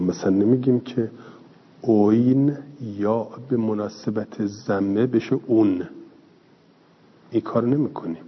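A man's voice: fairly low pitch, husky. A man teaching a classroom lesson, explaining step by step and answering his own questions. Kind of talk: classroom lecture. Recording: dull lo-fi recording in a reverberant hall.

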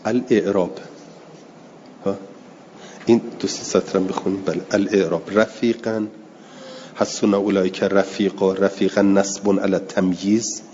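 Man, religious teacher, low mellow voice, slow reading then plain explanation, dull recording, faint noise. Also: flat delivery, in a large hall. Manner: reads passages slowly, then explains them plainly; answers students' questions. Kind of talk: classroom text lesson.

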